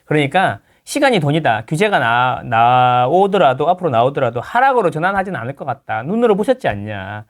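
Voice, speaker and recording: A man who is a real estate lecturer, talking as a guest in a casual interview, lecturing with playful impressions of others and quick tag questions. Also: a little high, very animated. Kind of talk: casual talk-show interview.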